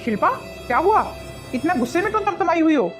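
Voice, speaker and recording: A woman's voice: very high voice, very animated, quick pace, music in the background. A woman playing an arrogant, scolding son. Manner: scolding and dismissive. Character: arrogant son siding with his wife.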